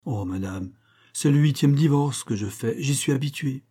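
A man voicing a calm, scheming young female maid, politely deferential and matter-of-fact. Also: mid-range voice, normal speed, breathy edge, natural voice.

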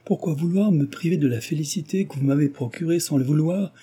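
An ardent young gentleman suitor, earnest and insistent, as a man reads him. The voice is very dark and husky, delivered as an audiobook reading. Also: fairly high pitch, a little fast, voice pushed up. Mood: passionate, pleading.

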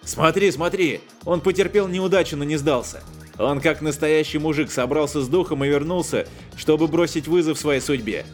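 A gruff, bossy spacer put on by a male narrator who barks and shouts at his comrades. He pitches his voice up into loud, raised yelling. Soft music sits under the storybook reading. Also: expressive, normal speed, few pauses. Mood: shouting. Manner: barking, shouting.

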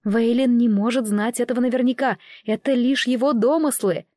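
A woman's voice: on the high side, fairly even intonation, moderate pace, warm tone, no room sound, studio quality, close to an everyday voice. A woman voicing a firm protective older sister.

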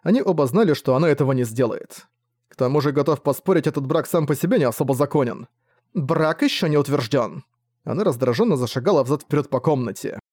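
A man narrating a fantasy novel in a steady, measured reading. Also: mid-range voice, no room sound, studio quality. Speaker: audiobook narrator. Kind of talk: scripted narration.

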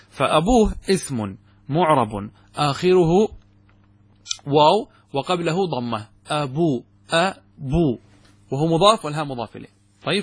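A man with a slightly raised, husky voice gives an Arabic grammar lecture. He reads passages aloud, then explains them and keeps checking with his class through rhetorical questions. The sound is dry and close, with no room echo. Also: fairly high pitch.

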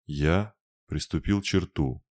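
Мужчина читает угасающее усталое существо. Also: male voice, a bass voice, slow, a little mellow. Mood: weary. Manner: rustling whisper-like, tired. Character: weak dying male spirit creature, gentle. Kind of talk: audiobook narration.

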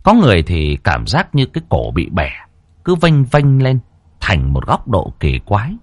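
A man narrating a ghost story in a lively, dramatic storytelling manner. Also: on the low side, normal speed, no room sound.

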